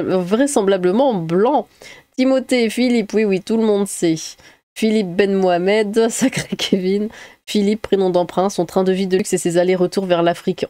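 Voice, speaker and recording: A woman's voice: medium pitch, normal speed, dark tone, dry recording. A woman streamer reading viewer comments aloud in a casual, offhand way, with loose asides between them. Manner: reads chat messages aloud with offhand asides.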